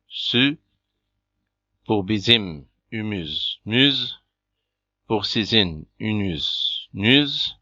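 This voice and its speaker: A man's voice: lowish voice, bright, forceful tone, dry recording. A man teaching a beginner language lesson, patiently working through example after example. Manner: patient, methodical, repeats examples. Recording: dull lo-fi dry recording.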